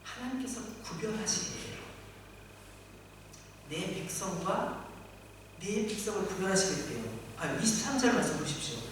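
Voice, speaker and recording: A woman pastor preaching with lively, dramatic delivery, slipping into the voices of the people and of God in her story. Her voice carries through a big echoing church sanctuary. It is picked up from a distance, with audible room noise. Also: mid-range voice, fast talker, hardly any pauses. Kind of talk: sermon. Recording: echoey church hall, mic far off.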